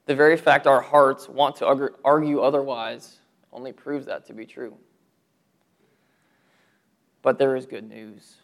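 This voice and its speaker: A man preaching a sermon to his church, earnest, with rhetorical questions and drops to a low voice for emphasis. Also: flat delivery, a little slow, long pauses. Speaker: pastor.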